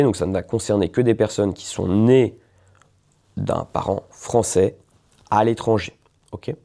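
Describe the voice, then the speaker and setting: A lawyer walks through nationality law in an informal video, his conversational delivery marked by frequent hesitations and check-ins with the listener. The man's voice is lowish and creaky with a warm tone.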